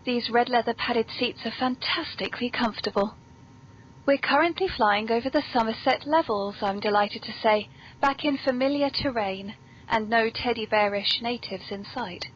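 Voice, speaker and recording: A British woman hosts a podcast with whimsical scripted segments and genteel chat, sounding playfully theatrical and very polite. Her voice is a little high with a breathy edge, at normal speed. The recording is dull and lo-fi, with background noise.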